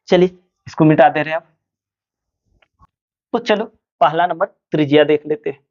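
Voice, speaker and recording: A man's voice: fairly high pitch, normal speed, darkish tone, muffled recording. A male physics teacher giving a classroom lecture, asking students questions and answering them himself. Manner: calls students "bhaiya" and "dear children".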